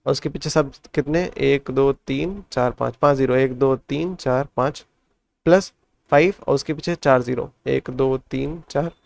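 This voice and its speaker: A man's voice: fairly high pitch, creaky. A man tutoring a math lesson step by step, counting digits aloud and explaining patiently.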